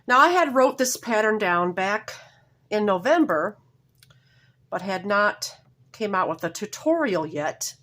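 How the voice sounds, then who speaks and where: This home knitting tutorial is hosted by a woman speaking at a medium pitch, her fairly bright voice swinging widely in pitch and a bit hoarse from a cold. She explains each step casually in a homey, apologetic manner, pausing often to fix what she's said.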